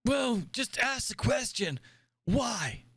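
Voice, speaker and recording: A man's voice: very high voice, lively intonation, slow, a bit bright, breathy edge, no room sound, studio quality, voice pushed up, heavily acted. A man voicing a grumpy old male starship admiral and doctor, with a put-on American accent and a cursing, cantankerous manner. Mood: stubborn.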